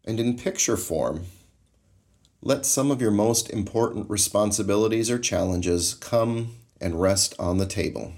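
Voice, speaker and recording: Man, very low voice, unhurried, calm meditation guide. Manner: calm, slow, measured, soothing.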